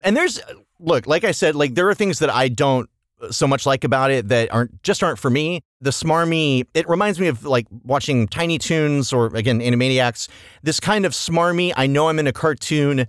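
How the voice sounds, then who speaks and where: A man's voice: a little high, normal speed, no echo, clean studio sound. A man hosting a podcast, talking casually and emphatically, analysing and swearing as he gives his opinions. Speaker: podcast host. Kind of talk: casual opinionated review chat.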